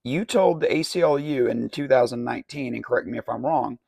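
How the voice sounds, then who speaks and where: A man's voice: mid-range voice, a little fast, gravelly, a little mellow, breathy edge, dry recording. A man hosting a satirical mock interview, questioning in an indignant, exasperated way.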